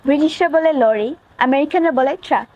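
A woman giving a scripted vocabulary lesson, reading word pairs in a clear, even, list-like way. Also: high voice, a little fast, dull audio. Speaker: English teacher. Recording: noisy background hiss.

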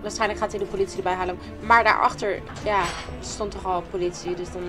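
A woman commentating a video game, excitable and reacting loudly to what happens. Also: medium pitch, quick pace. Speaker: gamer. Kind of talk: let's play commentary. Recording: game music behind the voice.

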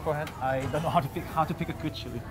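Quick-talking curious young man. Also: on the high side, over music. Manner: curious, asking questions, quick. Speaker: co-host. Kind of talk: casual cooking-show chat.

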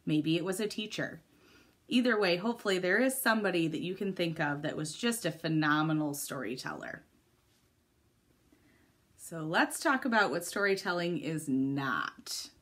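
This teacher's voice sits low as she records a lesson for middle school students. She breaks things down one step at a time with a cheerful, encouraging manner.

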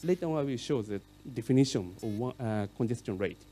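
Middle-aged Japanese-native man, keynote lecturer, mellow voice, halting English full of "uh"s. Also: mid-range voice, animated. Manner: halting non-native English with many fillers. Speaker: keynote speaker on urban rail.

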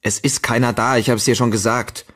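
A bitter young man full of barely held-back rage, as a male audiobook narrator reads him. He talks cold and curt, with a somewhat lowered, menacing edge. His pitch sits in an ordinary middle range. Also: steady tone, brisk, fairly bright tone, natural voice. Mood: cold menace.

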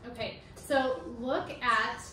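A homeschooling mom in her thirties runs a Latin lesson, patiently quizzing her kids and checking in with a quick okay. Her voice sits a little high. She is heard from a distance across a roomy kitchen, with faint noise underneath. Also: bright, forceful tone. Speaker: homeschooling mother teaching Latin. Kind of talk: casual teaching at a kitchen table. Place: home kitchen.

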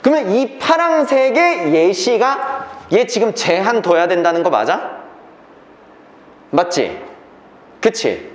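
A man's voice: high-pitched, big pitch swings, slow, long pauses, roomy sound. A man teaching an English reading class, lecturing and often checking that the students follow.

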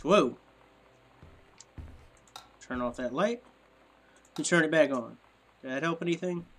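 A man's voice: a little high, unhurried, a bit bright. Stuffy-nosed man muttering through a game. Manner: muttering to himself, puzzled, rambling. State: stuffy nose, sniffling. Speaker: gameplay video host. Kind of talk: casual let's-play commentary.

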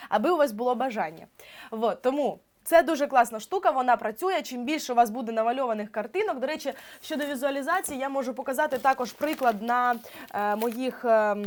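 A young woman teacher with a slightly high voice leads a lively exam-prep lesson, explaining each point with examples. Her delivery flows easily and casually, full of fillers.

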